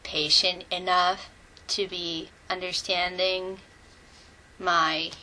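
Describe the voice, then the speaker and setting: A young woman from Japan, a native Japanese speaker, answering interview questions in English with many pauses and fillers. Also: fairly low pitch, level tone, bright, forceful tone, rough recording. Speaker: international student.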